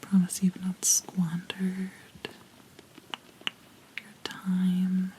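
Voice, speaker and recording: A woman gives a whispered ASMR pep talk, close to the mic. Her delivery is very slow and even, with pauses mid-sentence. The soft whisper is dark and gentle, meant to reassure. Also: on the low side, a little hiss or hum, low-quality recording. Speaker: ASMR host. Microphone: close-up microphone.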